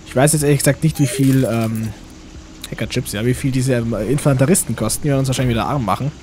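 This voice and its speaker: A man's voice: medium pitch, fast talker, darkish tone, a little hiss or hum. A man giving casual game commentary, rambling to himself and to the game's characters. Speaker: let's play host. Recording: game music behind the voice.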